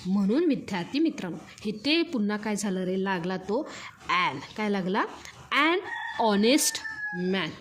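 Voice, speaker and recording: A woman's voice: medium pitch, animated, unhurried, a little hiss or hum. A woman with a Marathi accent teaching a grammar lesson, drilling each point with repeated rhetorical questions. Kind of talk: classroom grammar lecture.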